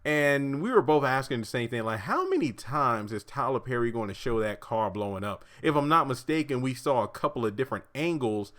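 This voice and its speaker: Casual male reviewer, chatty and animated, breaks off to laugh and quote scenes. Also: mid-range voice, brisk, hardly any pauses. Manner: chatty, laughs often, acts out characters' lines. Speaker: show reviewer. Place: his apartment.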